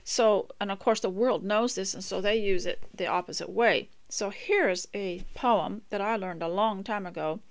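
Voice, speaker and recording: An older woman hosting a homemaking radio talk, speaking in a gentle, rambling way with frequent restarts and asides, and sometimes reading a poem aloud. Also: mid-range voice, moderate pace, few pauses.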